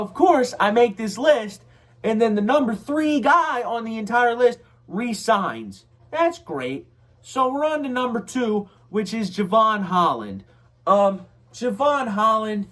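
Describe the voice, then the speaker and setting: A young man losing his voice, giving a casual, plain-spoken rundown of football players as a channel host. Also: a little high. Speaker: football commentator.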